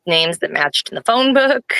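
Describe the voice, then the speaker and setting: A nervous young woman in her twenties speaks in a low, gravelly voice that still has a bright, sharp edge. She halts and restarts often as she answers interview questions. The sound is dry and close. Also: lively intonation, no echo, low-quality recording. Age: 20s. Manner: hesitant, halting, with many restarts. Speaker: interview guest. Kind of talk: personal interview.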